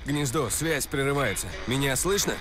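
A man's voice: medium pitch, moderate pace, noisy background, natural voice. An actor playing a terse male government agent in a dubbed video game, making a radio call as the connection drops out. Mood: serious, urgent. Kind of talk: video game dubbing, in Russian.

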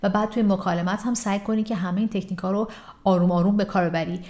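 A woman giving a casual English lesson, explaining quickly and slowing down to model example sentences. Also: mid-range voice. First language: Persian. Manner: explains lively, slows down to model English phrases. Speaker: English teacher.

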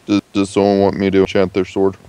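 A man's voice: low-pitched, monotone, fast, warm tone, smooth, no room sound, low-quality recording. A man playing a game with friends, laid-back and muttering about his items. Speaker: game co-player. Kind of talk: casual gameplay chat.

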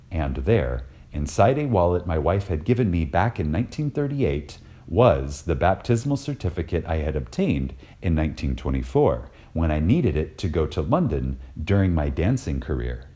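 Reading from a recorded lecture, this man sounds reverent and dramatic, pausing deliberately between phrases. His deep, mellow voice moves widely in pitch to emphasize important words.

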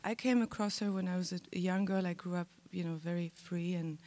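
A woman's voice: fairly low pitch, steady tone, fairly quick, dark tone. A woman actress speaking candidly and playfully on a theater stage into a handheld mic, often restarting her sentences. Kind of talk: festival panel talk.

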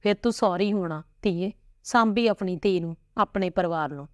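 Brief: woman reading a fond old matriarch, a little lower voice, dry close sound, storybook. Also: moderate pace, a little mellow, no room sound, lightly acted. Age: older. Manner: affectionate blessing, homely. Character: elderly Punjabi matriarch, loving, emotional.

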